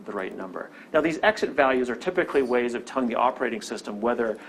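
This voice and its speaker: Gravelly male coding teacher. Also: medium pitch, fast, a little hiss or hum. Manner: explanatory, with many "okay?" check-ins and restarts. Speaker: programming instructor. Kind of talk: screen-recorded coding lesson.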